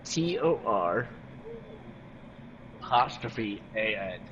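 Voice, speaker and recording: A man's voice: on the low side, very animated, extremely slow, fairly bright tone. A man chatting casually as a player in an online tabletop roleplaying game. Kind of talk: casual chat. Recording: dull, noisy online voice chat.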